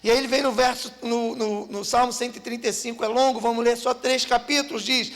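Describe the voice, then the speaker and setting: A man's voice: very high-pitched, steady tone, a little fast, fairly bright tone, soft background music. A man preaching a sermon at a youth congress, telling a personal story and reading psalms aloud with rising emphasis. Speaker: pastor. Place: church hall at a youth congress. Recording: long reverb of a church hall.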